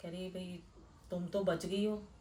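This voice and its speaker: A middle-aged woman from Delhi, earnestly retelling a frightening real-life experience in a hushed first-person way. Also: lowish voice, little pitch movement, measured pace, recorded from a distance, slight background noise. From Delhi, India. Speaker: storyteller. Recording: echoey room, voice a bit off-mic.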